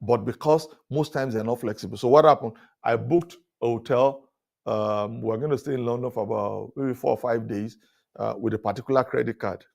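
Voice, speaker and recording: A man giving a sermon-style leadership talk at a conference. He speaks animatedly, chuckles between points, and his pitch climbs high when he drives a point home. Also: fairly quick, vocal fry. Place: conference hall.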